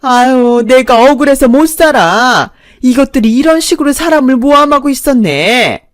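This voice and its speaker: A woman voicing a brazen old stepmother-in-law who talks loud, whining and accusing. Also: fairly high pitch, expressive, moderate pace, no room sound, clean studio sound, close to an everyday voice. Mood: wailing.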